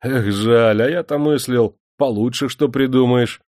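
A man's voice: deep voice, expressive, normal speed, mellow, no echo, clean studio sound. A man voicing a defiant young prisoner in chains who mocks his captor in a cheeky tone. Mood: mocking. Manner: cheeky, mocking.

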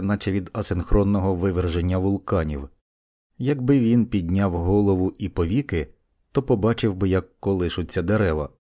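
A man reading an audiobook as narrator, in a steady, measured way. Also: deep voice.

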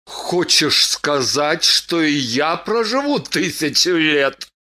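A woman's voice: fairly low pitch, big pitch swings, takes it slowly, a bit bright, heavily acted. A woman voicing a bitter, confused young warrior man, heavy and sullen in tone.

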